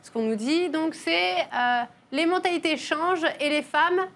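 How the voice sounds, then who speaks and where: A woman hosting a sports TV show, bubbly and playful in quick studio chat. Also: high-pitched, fairly bright tone. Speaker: TV show host.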